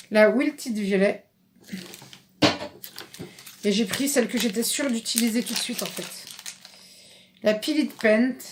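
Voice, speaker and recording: A woman chatting casually in a craft haul video, reading out English product names haltingly. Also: on the high side, background noise. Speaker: craft vlogger.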